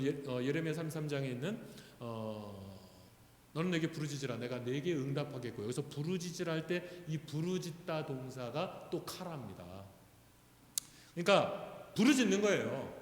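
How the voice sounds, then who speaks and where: A man preaching a sermon as pastor, often asking the congregation questions and building to loud, fervent calls. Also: fairly high pitch. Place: church sanctuary. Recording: echoey church hall.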